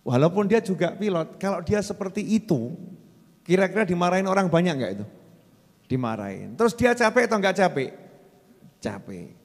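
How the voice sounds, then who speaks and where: A male preacher delivers a lively sermon, firing questions at his audience. His voice sits slightly high and leaps around in pitch. Long hall reverb trails behind him. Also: brisk, long pauses. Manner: animated, quizzing the audience with call-and-response.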